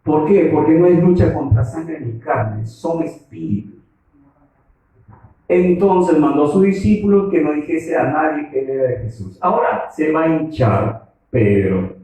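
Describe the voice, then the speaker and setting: A man's voice: a little high, lively intonation, measured pace, mellow, soft background music. A man preaching a sermon as pastor, emphatic and putting questions to the congregation. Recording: echoey hall from far off.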